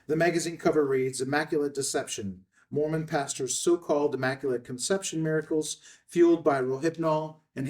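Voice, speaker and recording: Heard on a slightly distant room mic, a man with a mid-range, a little mellow voice reads stage directions aloud. He serves as narrator for a screenplay table read being filmed indoors.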